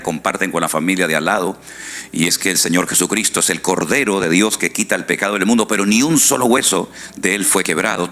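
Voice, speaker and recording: A very deep-voiced male pastor preaching to a congregation. He talks in a relaxed, conversational way and keeps checking in with his listeners through short tag questions. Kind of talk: sermon.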